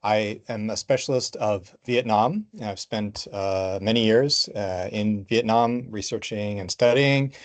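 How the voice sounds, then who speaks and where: A man who is a history professor, introducing himself in a relaxed way with many fillers during an online information session over a video call. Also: on the low side, unhurried, few pauses.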